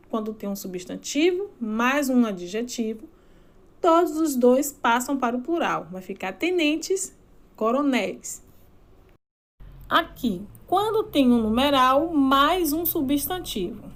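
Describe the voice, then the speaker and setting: A woman, teaching a recorded grammar lesson and stretching out each example word slowly. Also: high-pitched, expressive. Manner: slow, deliberate, stretching out example words.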